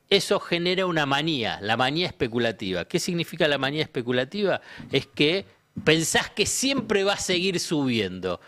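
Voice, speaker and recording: A guest economist on a talk show, this man speaks Argentine Spanish with a slightly high, somewhat bright voice. He explains ideas didactically, raising questions and answering them himself.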